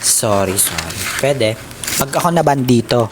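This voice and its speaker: A man's voice: mid-range voice, a little slow. A man chatting casually on a livestream, playful and teasing as he talks straight to his viewers and reads their comments. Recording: steady background noise with clicks.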